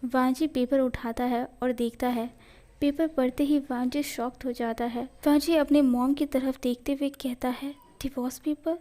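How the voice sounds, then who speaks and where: A woman reading a fan fiction story aloud, narrating it at a steady, even pace. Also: sits high, moderate pace. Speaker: story reader.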